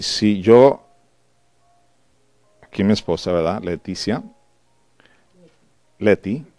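A man's voice: lowish voice, darkish tone, no echo. A male pastor preaching a sermon in a conversational, exhortative way and often asking the congregation questions.

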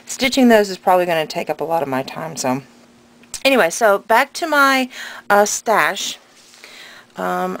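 Gravelly low-voiced woman with tongue-piercing speech. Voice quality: slightly impeded articulation from a newly re-inserted tongue piercing. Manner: hesitant, rambling, enthusiastic. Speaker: craft vlogger and pattern seller. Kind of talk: casual unscripted show-and-tell chat. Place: indoors at a craft table at home. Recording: clearly noisy home recording.

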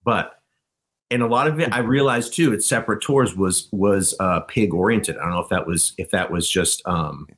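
Low-voiced man telling loose stories. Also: normal speed, fairly bright tone, breathy edge. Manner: loose, rambling storyteller with many fillers. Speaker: guest, band frontman. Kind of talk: casual podcast chat.

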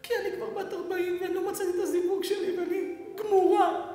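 A rabbi voicing a lonely, despairing woman of forty in a shrill, sobbing falsetto, recorded in a very echoey hall. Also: little pitch movement, dark tone. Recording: very echoey hall with faint music.

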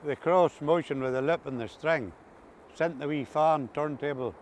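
This older interviewee speaks with an Ulster Scots accent, chatting in broad rural dialect as he looks back on farm life. He has a somewhat high voice and keeps a moderate pace. It was recorded outdoors on a grassy path beside the sea, with clear ambient sound around him.

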